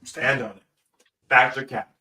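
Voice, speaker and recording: A man's voice: mid-range voice, steady tone, unhurried, distant mic, noisy background. A man hosting a casual sports podcast, confident and pressing his guests for answers. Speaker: podcast host.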